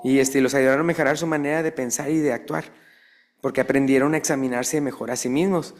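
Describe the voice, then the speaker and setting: A man's voice: mid-range voice, fairly even intonation, fast talker. A man teaching a church Bible class in a conversational way, often tossing rhetorical questions to the listeners. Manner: chatty, peppers talk with rhetorical questions; acts out little quoted dialogues.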